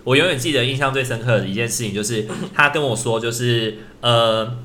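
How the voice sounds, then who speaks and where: Young guy rambling through a work story, bright crisp voice. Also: medium pitch, fairly quick, slight background noise. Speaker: podcast co-host. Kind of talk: casual storytelling chat.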